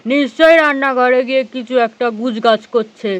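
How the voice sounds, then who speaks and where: A woman's voice: sits high, a little fast, no echo, muffled recording, close to an everyday voice. A woman voicing a fussing elderly grandparent in a doll story, calling out and soothing a crying baby. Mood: searching.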